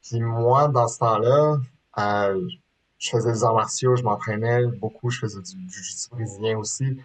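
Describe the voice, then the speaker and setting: A guest on an interview, this sport shooter is a man in his thirties from Quebec, Canada, whose Québécois French accent comes through a low-quality recording. His voice sits on the low side at a normal speed, and he talks casually but hesitantly, with many fillers and restarts.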